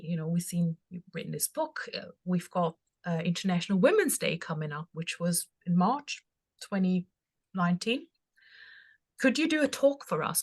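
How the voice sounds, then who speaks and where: A woman from Austria with an Austrian accent, a podcast guest telling her story in an animated, chatty way with frequent laughs. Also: on the low side. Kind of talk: casual interview chat.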